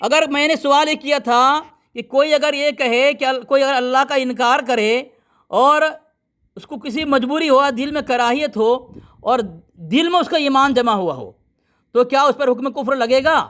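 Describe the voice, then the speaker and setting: A very high-pitched man argues in a heated religious debate. He is combative and commanding, orders his opponent to be silent again and again, then reads citations point by point. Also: normal speed, a bit bright.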